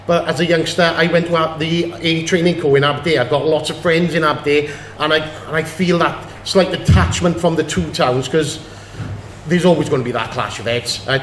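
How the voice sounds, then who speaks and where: A man's voice: a little high, fairly bright tone. A man with a South Wales Valleys accent answering as a candidate at a public hustings. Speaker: election candidate. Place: indoor public meeting hall. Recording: echoey hall, faint noise.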